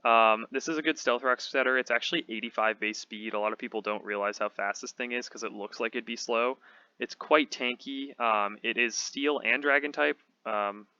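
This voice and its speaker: Bright, crisp-voiced man thinking aloud. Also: medium pitch, normal speed, no echo, highs cut off. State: slightly hoarse, losing his voice. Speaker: competitive Pokemon channel host. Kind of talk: casual team-building commentary.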